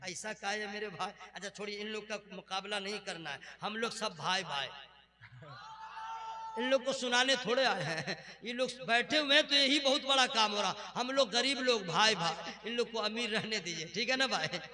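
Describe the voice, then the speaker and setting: A man preaching to a gathering, moving between joking chatter with the crowd and fervent, shouted passages, and prompting listeners to call back. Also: high-pitched, moderate pace, roomy sound, big-room sound. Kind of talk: sermon with call-and-response prayers.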